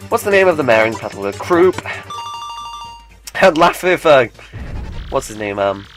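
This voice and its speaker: A man's voice: medium pitch, sing-song, moderate pace, music in the background. A man giving chatty, joking commentary while playing a video game. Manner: chatty and jokey, reads game text aloud. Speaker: let's play host.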